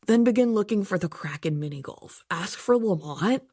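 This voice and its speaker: A woman playing a cagey informant who gives secret directions in an audio drama, slow and drawn-out. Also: mid-range voice, animated, dark tone, slightly rough, no room sound, clean studio sound.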